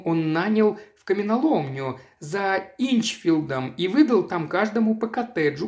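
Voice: medium pitch, darkish tone, natural voice. A reader voicing an anxious, chatty village woman in an audiobook, rambling and fussy. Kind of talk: audiobook character voice.

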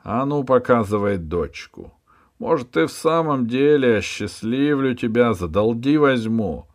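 A man's voice: mid-range voice, lively intonation, a little slow, pitched above the performer's own voice. A man voicing a cruel, greedy male hunchback overlord who screeches at his servants. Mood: shrill bullying. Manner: screeching, bullying.

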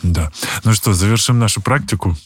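Deep-voiced man hosting a podcast. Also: brisk. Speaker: podcast host. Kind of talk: casual interview chat. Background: music.

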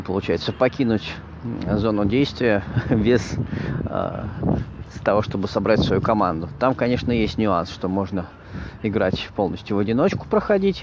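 Low-voiced man, halting podcast host. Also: a little mellow, slight background noise. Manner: halting, searching for words in broken phrases. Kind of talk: informal podcast monologue.

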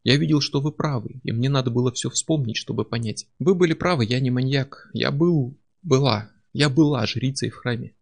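Одержимый местью пациент, говорящий холодно и ровно, в исполнении мужчины-чтеца. Скрипучий тембр, в тоне спокойная угроза. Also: male voice, mid-range voice, normal speed, vocal fry, few pauses. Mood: cold. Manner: cold, quietly obsessive. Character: calm man possessed by vengeful past-life memory.

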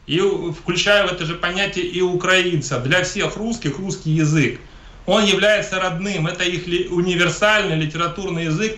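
With a high-pitched, bright and forceful voice, a Ukrainian interview guest delivers emphatic, polemical political views, repeating himself often. The sound is echoey.

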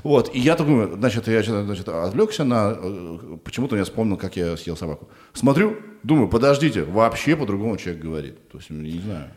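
A man's voice: lowish voice, sing-song, fairly quick, few pauses, darkish tone. A man hosting a podcast interview, talking informally and rambling in short broken pieces. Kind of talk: casual conversational interview.

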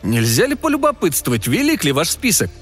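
A man voicing an ordinary man who speaks with dry, gentle mockery. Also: on the high side, wildly swooping pitch, a little fast, slightly rough, faint music behind, voice pushed up, heavily acted. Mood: mocking. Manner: dry, mildly mocking. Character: ordinary mocking middle-aged American man.

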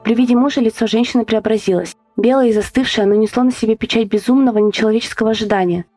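A woman podcast host reading a horror story aloud with steady, measured narration. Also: on the high side, soft background music.

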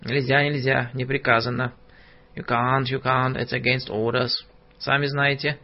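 A man's voice: medium pitch, level tone, measured pace, natural voice. A man doing a curt, bossy watchman. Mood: stern. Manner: admonishing, curt. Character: gruff male hospital watchman, stern, bossy. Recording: dull lo-fi audiobook recording.

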